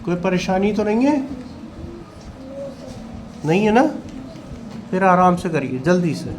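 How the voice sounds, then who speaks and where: Slow-speaking teacher in a classroom. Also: male voice, high-pitched, a little hiss or hum. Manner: calm, coaxing, addresses students by name. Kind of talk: invigilating a classroom test.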